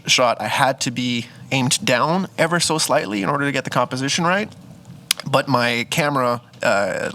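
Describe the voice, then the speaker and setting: A man talks through his photo edits in a relaxed, chatty tutorial. He thinks aloud and corrects himself along the way. His voice is bright and forward, and his pitch sits in the middle. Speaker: photographer teaching photo editing. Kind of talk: casual screen-recorded editing tutorial.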